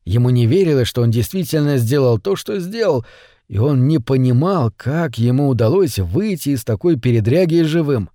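A man narrating a story in an expressive, scripted way. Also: mid-range voice, normal speed, no echo, studio quality.

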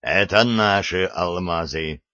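Hard-nosed crook, deep, curt, deliberate, read by a male narrator. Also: lively intonation, fairly bright tone, no room sound, muffled recording, exaggerated voice. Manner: curt, commanding.

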